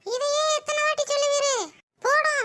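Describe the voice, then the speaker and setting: A woman's voice: very high-pitched, flat delivery, normal speed. A woman voicing a boastful, gossipy village woman who scolds and wails, with a Tirunelveli Tamil accent. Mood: scolding gossip. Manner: scolding, sharp-tongued, dramatic wailing.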